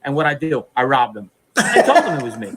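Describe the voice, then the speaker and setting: Background noise is heavy as a 30-something former mobster from New York City records a defiant statement to camera. His mid-range voice swings hugely in pitch and moves a little fast, his delivery blunt, boastful, insistent, and full of profanity.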